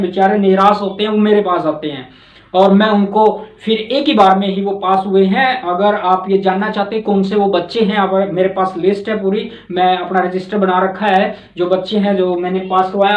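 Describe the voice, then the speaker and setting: Male tuition teacher from haryana, earnest, repeats words, echoey dull lo-fi audio. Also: high-pitched. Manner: earnest, repeats key words while explaining. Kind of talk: explanatory talk. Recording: roomy, dull lo-fi sound.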